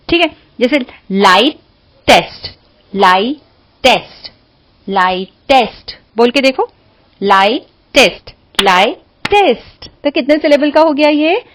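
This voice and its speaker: A woman's voice: high voice, a bit bright, dry recording. A woman teaching an English lesson to schoolchildren in a patient, step-by-step way, asking questions and answering them herself. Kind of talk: classroom lesson explaining grammar.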